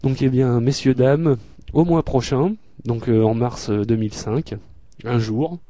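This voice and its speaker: A man's voice: medium pitch, a little slow, dark tone, no echo, studio quality. A man hosting a radio show in casual chat, hesitant and full of filler sounds, teasing his co-hosts.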